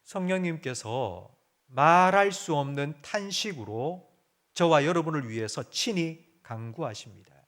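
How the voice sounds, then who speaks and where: Animated Korean pastor preaching. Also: male voice, a little slow. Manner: swings from loud urgent appeals to quiet low murmurs; addresses the congregation directly with questions. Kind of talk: sermon.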